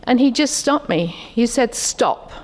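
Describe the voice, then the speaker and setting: A woman's voice: mid-range voice, moderate pace, darkish tone. A woman, speaking as a conference discussant in a conversational, reflective keynote with rhetorical questions. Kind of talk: keynote talk with personal anecdotes.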